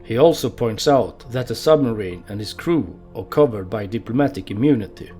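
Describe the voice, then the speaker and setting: A man's voice: lowish voice, expressive, a little fast, warm tone, soft background music. A man narrating a history documentary, telling the story in an amused way and laughing now and then.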